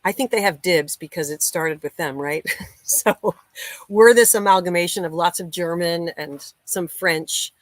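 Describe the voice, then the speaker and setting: Chatty American woman musician, slightly low voice, dry close sound; hosts a stream and greets viewers. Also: unhurried, dry recording. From United States. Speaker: musician hosting a livestream. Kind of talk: casual live-chat hosting.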